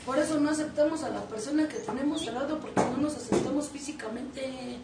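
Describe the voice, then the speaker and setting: Woman, Mexican accent, high voice, profane, blunt, shouting bursts, group testimony, distant mic in an echoey room. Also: fairly quick, heavy background noise. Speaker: group sponsor.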